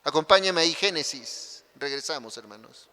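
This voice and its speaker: A Mexican pastor preaches with emphatic rises and sudden drops in his voice. His tone sits high and cuts through very brightly. The long reverb of a church hall trails after each phrase. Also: animated, normal speed, slight background noise. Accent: Mexican Spanish. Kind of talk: sermon.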